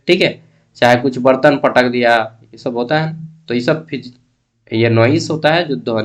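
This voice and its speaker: A young man giving an exam-prep lecture, explaining slowly and checking in often as he goes. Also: fairly high pitch. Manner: explains slowly with Hindi-English mixing and frequent "theek hai". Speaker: teacher.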